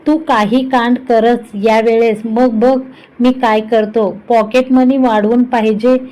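A woman's voice: fairly high pitch, flat delivery, measured pace, dark tone, lightly acted, poor audio. A woman voicing a curt, strict older brother in a storybook reading. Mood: stern. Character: stern, strict older brother, grown man.

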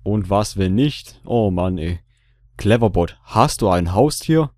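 A man's voice: lowish voice, expressive, slow pace, warm tone, no echo, studio quality. A man hosting a gaming video in casual commentary, joking and repeating his own lines aloud. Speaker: let's play host.

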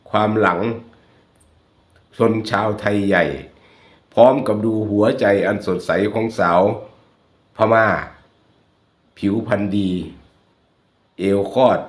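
A man with a Northeastern Thai Isan accent, hosting his channel and chatting jokingly with viewers over photos. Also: lowish voice. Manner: chatty, joking, addresses viewers as brothers and sisters. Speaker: YouTube channel host. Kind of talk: casual commentary over photos. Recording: roomy echo.

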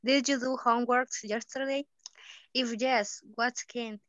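A woman student reading practice questions aloud, halting and careful, in an online class. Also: a little high, fairly even intonation, fairly bright tone, no room sound, dull audio.

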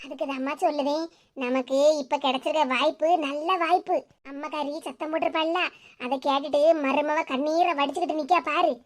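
A woman with a Tirunelveli Tamil accent voicing a scheming, bossy grown daughter in a cartoon, in a low, hushed, conspiratorial voice. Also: fairly even intonation, brisk, close to an everyday voice.

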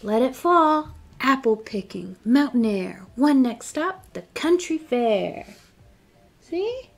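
Reading picture books to children in an indoor library room full of shelves, a young adult woman librarian talks straight to her young audience and cheers them on. She speaks slowly in a high voice with big pitch swings and some vocal fry.

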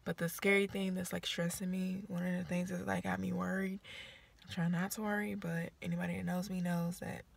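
Woman, young, low voice, casual rambling vlog chat, fading half-whisper. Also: flat delivery, brisk, gravelly. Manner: chatty, rambling, often dropping to a half-whisper. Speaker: vlogger. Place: inside a house.

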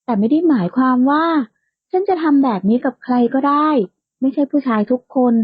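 A woman's voice: sits high, fairly quick, no room sound, natural voice. A woman voicing a bold, playful young woman who likes to tease, in a lightly lo-fi, dry recording. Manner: playful and outspoken, bright and teasing.

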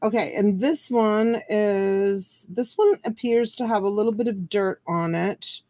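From a home room crowded with plush toys and a dress form, a woman in her forties hosts a casual live-stream auction over her computer's webcam. Her medium-pitched, dark-toned voice moves at a measured pace on a dry recording, chatty and folksy as she draws out calls for bids.

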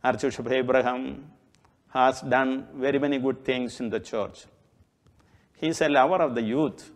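An older man with an Indian accent giving a formal tribute as a bishop, in halting, measured phrases. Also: mid-range voice, steady tone, long reverb tail. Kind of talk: formal spoken tribute to camera. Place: indoor studio with plain backdrop. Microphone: lapel.

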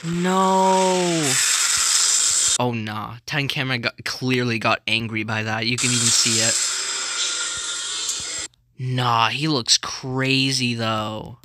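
A young man reacting to a video, cheering, yelling and pleading at the screen. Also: mid-range voice, flat delivery, takes it slowly, very noisy. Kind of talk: excited reaction commentary.

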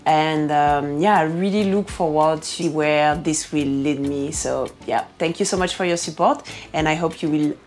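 A woman with a French accent talks straight to camera, answering viewers' questions. Her voice sits low, and she is earnest and encouraging, often restarting mid-sentence. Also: normal speed, few pauses, a little mellow, faint music behind. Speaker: fitness and nutrition vlogger. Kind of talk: casual Q&A monologue to camera.

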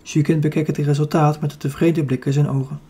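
Male Dutch audiobook narrator, mellow and slightly husky, even measured reading with small slips. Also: a little high. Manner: steady reading with occasional slips and self-corrections. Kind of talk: scripted narration of a children's fantasy book.

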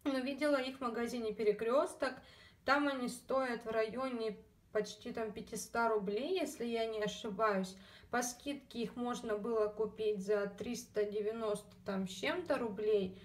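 A beauty vlogger with a fairly even, high-leaning voice at normal speed chats casually about her shopping haul, full of fillers and asides to viewers she calls girls. Her throat sounds a bit scratchy, and she's far from the mic.

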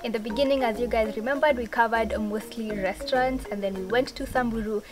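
A woman's voice: fairly high pitch, fairly even intonation, brisk, crowd noise. A young woman, hosting a casual travel vlog and touring a treehouse rental, chatty and bubbly, laughing often. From Kenya. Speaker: vlogger, channel host. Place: treehouse holiday rental, partly outdoors.

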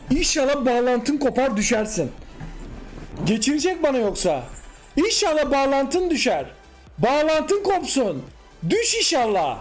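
A man with a Turkish accent giving excited, animated commentary while playing a football video game, repeating short cries at the screen. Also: very high-pitched. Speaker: gaming YouTuber. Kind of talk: excited live gameplay commentary.

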